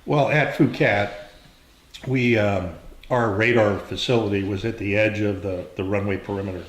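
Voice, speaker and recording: An older American man, a veteran remembering his service in an unscripted interview, speaking in a measured, halting way with reflective pauses. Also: on the low side, steady tone. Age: older, around 70s. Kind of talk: unscripted oral history interview, reminiscing. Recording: roomy, echoing interview sound.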